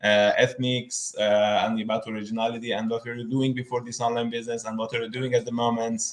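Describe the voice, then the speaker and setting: A man in his thirties hosting a live online interview, speaking haltingly with many fillers. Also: mid-range voice, flat delivery, low-quality recording. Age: 30s. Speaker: host.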